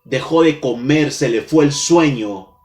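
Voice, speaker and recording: A man preaching a sermon as pastor, speaking straight to the congregation, slowing down and pausing for emphasis. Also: medium pitch. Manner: dramatic pauses, slows for emphasis, addresses the congregation directly. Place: church. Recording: echoey room with soft music behind.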